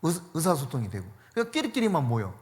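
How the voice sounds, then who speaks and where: A man preaches with a lively, swooping delivery, his voice pitched a little above the usual for men. He moves between casual asides and polite address to the congregation. He drives each point home by saying the key word again. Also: fast talker. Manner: emphatic, repeats key words for stress; conversational, mixes casual and polite speech. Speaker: pastor. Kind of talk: sermon.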